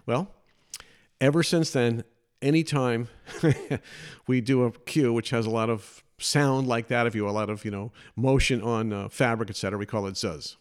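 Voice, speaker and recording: An older man hosting a podcast, telling chatty, animated anecdotes from his career. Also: medium pitch, moderate pace, clean tone. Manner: chatty, animated anecdotes with put-on quoted voices. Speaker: podcast host. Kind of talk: casual storytelling.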